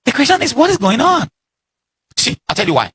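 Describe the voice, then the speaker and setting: A man's voice: very high-pitched, wildly swooping pitch, fairly quick, fairly bright tone, breathy edge. A man giving a motivational seminar talk, exhorting the audience with repeated lines and questions. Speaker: seminar speaker.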